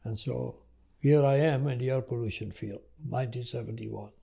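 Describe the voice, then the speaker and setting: An older man raised in Indonesia and the Netherlands tells his career story in a very gravelly, raspy voice. His tone is dark and mellow, and he halts often with uhs. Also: medium pitch, normal speed. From Indonesia, then the Netherlands. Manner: rambling, with many uhs. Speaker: engineering executive, guest. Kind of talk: interview storytelling.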